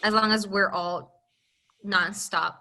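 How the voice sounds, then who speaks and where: Taking her time, a young woman from China talks on a podcast in a medium-pitched, bright, forceful voice that stays steady. She's earnest and open, and since it's a casual interview rather than a prepared speech, she frequently stops and begins her thoughts again.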